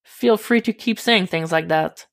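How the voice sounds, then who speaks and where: A woman reader voicing a confident, playful young man who speaks gently and reassuringly in a podfic. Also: high-pitched, a little slow, creaky, no echo, studio quality, exaggerated voice.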